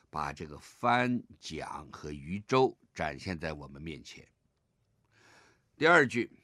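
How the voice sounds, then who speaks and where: Guy teaching a poem lesson, kinda low voice but super lively, stretches out the verses when he recites, dry close sound. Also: no echo. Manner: expressive, drawn-out recitation of verse; guides listeners to read along. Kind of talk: poetry reading lesson with storytelling.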